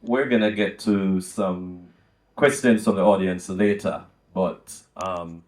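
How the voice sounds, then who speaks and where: An older man from Jamaica, hosting a live on-stage chat with a small audience and speaking in a measured way with many ums. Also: sits low, steady tone, reverberant. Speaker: host. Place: music lounge venue with a small audience.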